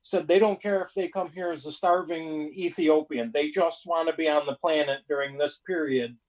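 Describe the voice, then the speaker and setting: A man's voice: a little high, steady tone, moderate pace, rough recording. A man chatting casually on a paranormal talk show in a folksy, colloquial, rambling way. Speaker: panelist on a paranormal live show. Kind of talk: casual chat.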